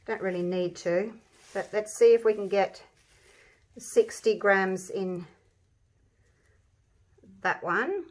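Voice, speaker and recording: A woman's voice: mid-range voice, takes it slowly, pauses often. An Australian woman giving a casual, chatty craft demonstration, thinking aloud, her voice slightly muffled by a mask over her mouth. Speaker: craft tutorial host. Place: indoor craft table.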